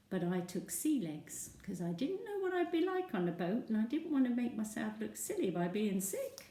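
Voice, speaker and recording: A woman recounts a comic day out in a chatty, gossipy way, slipping into whispers and little sung bits. Her voice is mellow and soft-edged. She sounds a little way off from the microphone, in a roomy space with echo. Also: medium pitch, distant mic. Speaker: storyteller. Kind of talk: first-person comic monologue.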